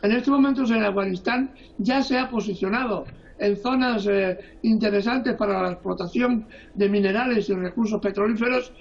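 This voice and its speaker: A male guest analyst giving political commentary, hesitating often with drawn-out fillers. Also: sits high, creaky, highs cut off.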